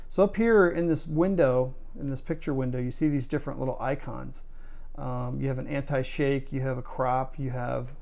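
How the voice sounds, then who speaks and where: A man explaining video editing step by step in a relaxed, conversational way. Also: mid-range voice, moderate pace, creaky. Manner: relaxed, conversational, talks through each step. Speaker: video tutorial maker. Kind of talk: casual screen-recorded tutorial.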